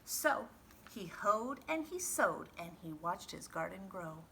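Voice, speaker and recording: A woman reading a picture book aloud like a teacher to young children, expressive and dramatic, with hushed sound words. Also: medium pitch, slow, gravelly, a little hiss or hum, poor audio.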